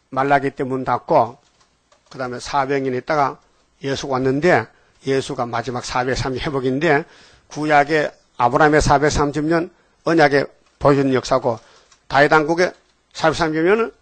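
A man preaching a sermon in an animated way, firing rhetorical questions, now and then shouting, and slowing down to read scripture verses. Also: medium pitch, dry recording. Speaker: pastor.

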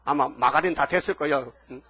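An older man delivers a sermon. His voice is bright and forceful, a little higher than most men's. He keeps breaking into animated acted-out dialogue from scripture. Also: fast, no room sound. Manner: animated preacher, acts out biblical dialogue. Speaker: pastor.

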